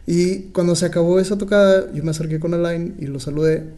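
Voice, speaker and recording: A man, co-hosting a podcast and telling stories in an animated way, laughing often. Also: on the high side, fast. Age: 20s. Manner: animated storyteller, laughs often, many fillers. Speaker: podcast co-host. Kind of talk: casual podcast conversation.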